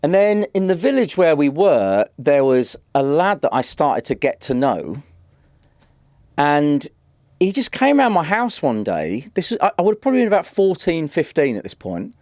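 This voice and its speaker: A man in his forties from Northeast England, a guest telling long, animated stories in casual chat. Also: on the high side, moderate pace, dry recording, studio quality. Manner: animated, rambling anecdotes with many restarts. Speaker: guest, drum and bass producer. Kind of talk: casual storytelling. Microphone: podcast studio mic.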